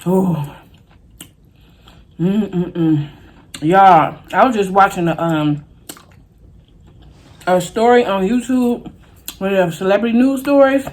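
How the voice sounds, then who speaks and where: A woman's voice: mid-range voice, darkish tone. A woman chatting casually and colloquially to viewers while eating crunchy fried chicken in a mukbang vlog. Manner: folksy, colloquial, drawn-out exclamations. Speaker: mukbang vlogger.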